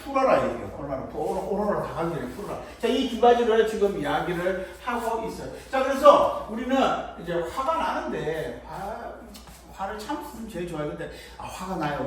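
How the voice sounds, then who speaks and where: Brief: high, lively male kids' preacher, fast and playful, boomy distant church-hall sound. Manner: playful, acts out little scenes. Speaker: children's preacher. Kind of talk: children's sermon. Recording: echoey room, mic far off.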